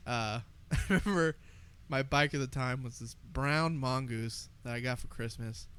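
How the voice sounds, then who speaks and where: A man's voice: medium pitch, moderate pace, a bit bright, clean tone. A young American man chatting casually and telling stories in a boisterous, sweary frat-bro way as a podcast co-host. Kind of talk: casual chat, storytelling.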